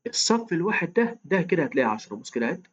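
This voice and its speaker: Fast-talking Egyptian man teaching math. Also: fairly high pitch, very animated, muffled recording. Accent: Egyptian Arabic. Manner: chatty, coaxing, counts aloud, calls listener "ya 3am". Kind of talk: casual explained lesson.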